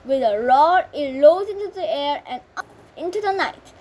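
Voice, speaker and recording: A woman reading an English children's book aloud, careful and halting with frequent restarts. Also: sits high, expressive, darkish tone. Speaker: channel host reading aloud.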